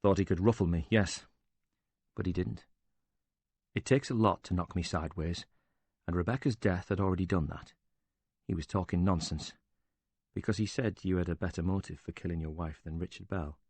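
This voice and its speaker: A bitter older widower with a short temper, indignant and sarcastic, cursing as he defends himself, read by a man. The voice is low and husky, and it sounds close and dry, with no room around it. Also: normal speed, a little mellow, dry recording.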